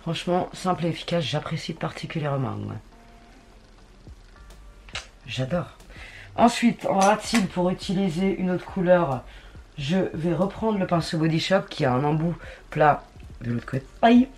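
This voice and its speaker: A woman's voice: deep voice, animated, moderate pace, darkish tone. A woman chatting casually through a makeup tutorial, slangy and talking to herself as she works. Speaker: beauty vlogger.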